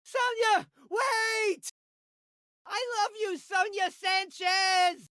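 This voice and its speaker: A man's voice: extremely high pitch, drawn-out words, no room sound, shouting, studio quality, exaggerated voice. An actor playing an eager, lovesick, awkward young male bodyguard in a video game. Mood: frantic yelling. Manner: excitable, awkward, hammy. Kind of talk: animated video game character acting.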